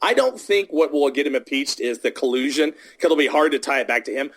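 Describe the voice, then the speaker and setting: A man's voice: mid-range voice, lively intonation, brisk, a bit bright. Rambling man hosting a podcast. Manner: rambling, many restarts and "like"s. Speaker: podcast host. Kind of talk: casual political chat. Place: podcast studio, recorded in the US South.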